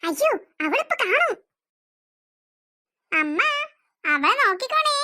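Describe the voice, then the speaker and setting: A woman's voice: very high voice, big pitch swings, slow pace, pushed and bright, heavily acted. Woman doing a fretful young cartoon mother. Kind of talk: cartoon dubbing.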